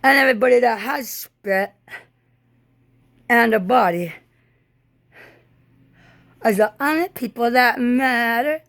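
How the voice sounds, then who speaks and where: High-pitched woman, slow rambling monologue. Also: creaky, a bit bright, no room sound, studio quality. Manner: disjointed, halting, drifting phrases.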